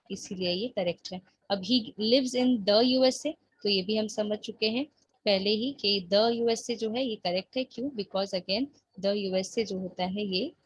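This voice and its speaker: A woman teaching an English grammar lesson, explaining patiently and reading example sentences slowly. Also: mid-range voice, husky, no echo. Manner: patient, explains slowly, checks in with the listener often.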